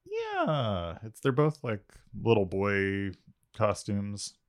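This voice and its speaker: A man co-hosting a podcast, chatting casually with deadpan jokey asides. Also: lowish voice, slow pace. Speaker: podcast co-host. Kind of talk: casual comedic chat.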